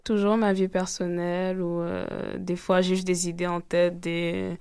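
Woman from Cameroon, lyricist, gravelly smooth voice, dry sound. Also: fairly low pitch, little pitch movement, a little slow, a little mellow, dry recording. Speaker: lyricist in the band. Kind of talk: casual interview chat.

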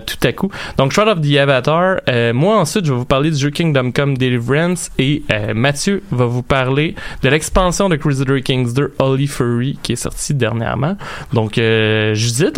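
Clear-voiced Quebec man hosting casually. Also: mid-range voice. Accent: Quebec French. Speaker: host of a gaming show. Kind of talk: casual chat, loosely hosting.

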